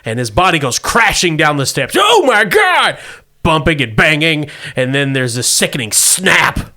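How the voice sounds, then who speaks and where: A man's voice: on the high side, moderate pace, sharp tone. A man hosting and narrating a comic tabletop game as game master.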